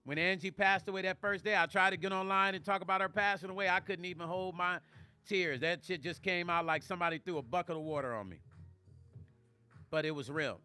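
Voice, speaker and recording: Man, high voice, bright tone, emotional rambling, addresses viewers, faint music behind. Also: fairly quick, clear, resonant tone. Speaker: vlog host. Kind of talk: casual livestream talk. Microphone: studio mic, close.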